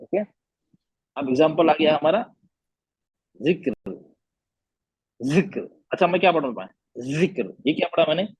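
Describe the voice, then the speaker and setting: A man's voice: fairly high pitch, fairly quick, darkish tone, husky, no echo. A man teaching Quran recitation in an online class, patiently repeating letter sounds and checking whether his students understood.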